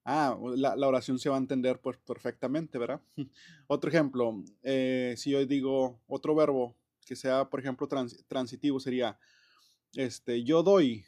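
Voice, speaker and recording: A man's voice: medium pitch, little pitch movement, moderate pace, darkish tone. A man teaching English grammar in a casual, chatty way, full of fillers and restarts. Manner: chatty, many fillers and restarts, laughs often. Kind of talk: casual classroom explanation.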